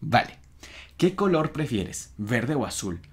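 A man teaching an online English lesson, slowly repeating example sentences and cheering the learner on. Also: mid-range voice, very animated, slightly rough.

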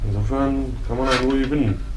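A man's voice: mid-range voice, steady tone, brisk. A man, giving casual hands-on commentary as a bike mechanic vlogger. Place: bicycle workshop. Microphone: action camera nearby. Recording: noisy action-camera sound.

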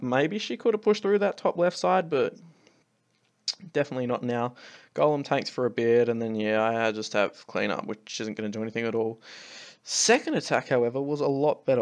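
A man talks through replays of his own game attacks in a loose, ranting way. He sounds fed up and swears freely. His voice sits at an ordinary middle pitch for a man. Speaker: clan leader and channel host. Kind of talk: casual gameplay commentary over replays.

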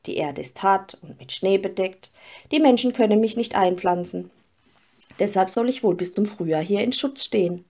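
A woman's voice: medium pitch, normal speed, mellow, lightly acted. A woman voicing a naive, wistful young fir tree that wonders aloud. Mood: wondering. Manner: wondering, hopeful.

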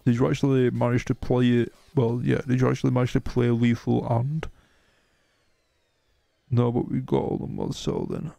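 A man chatting casually while streaming a game, rambling and hesitant, with a croaky, sleepy voice. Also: mid-range voice, expressive, normal speed, dark tone, no room sound. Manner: rambling and hesitant, many restarts. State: sleepy, yawning. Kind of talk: casual live-stream chat.

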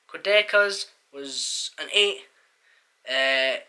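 A man's voice: medium pitch, lively intonation, extremely slow. A young man hosting a casual album reaction, chatting loosely with lots of fillers as he tallies up song scores. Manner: chatty, rates songs out loud with many fillers. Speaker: music reaction host.

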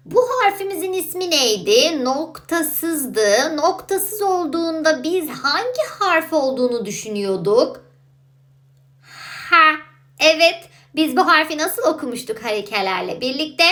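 A woman's voice: sits high, fairly bright tone. Sing-song woman teaching children. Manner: playful, coaxing, thinks aloud with the learner; sounds letters out slowly, drawn out. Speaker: Quran alphabet teacher. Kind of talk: children's lesson.

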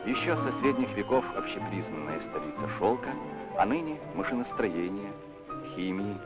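A man's voice: fairly low pitch, animated, moderate pace. A man narrating a 1960s newsreel with a formal, declamatory announcer delivery, old newsreel sound. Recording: narration over loud music.

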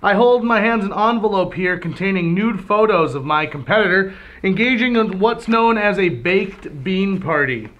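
A man's voice: high voice, lively intonation, normal speed, dull audio. A male radio DJ giving mock-serious, rambling non-answers in a comedy debate.

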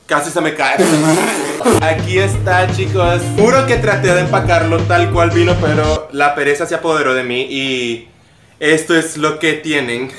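Man vlogger, fairly high voice, playful and self-mocking, roomy echo with loud music behind. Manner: joking, self-mocking, rambling. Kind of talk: casual vlog unboxing. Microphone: phone camera.

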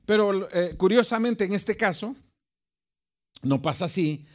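A man preaching a sermon, telling a story with rhetorical questions and quiet asides. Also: sits high, lively intonation, unhurried.

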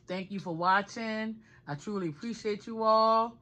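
A woman vlogger reviewing candy at home in a relaxed, chatty way, laughing often. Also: medium pitch, measured pace, lo-fi sound. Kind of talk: casual chat. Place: home, at a table.

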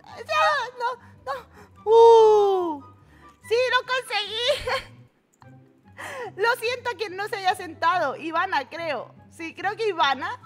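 A young woman with a Peninsular Spanish accent, giving excitable, giggly commentary while playing an online game, with game music in the background. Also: very high voice, slow pace, pauses often. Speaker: gaming channel host. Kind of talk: casual Roblox gameplay commentary.

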